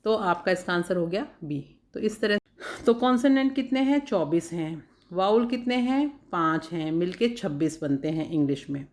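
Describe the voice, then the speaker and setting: Speaking in a lowish, darkish voice, a woman teacher runs an exam-prep lesson. She reads questions aloud very slowly, sounding out each word individually and repeating it.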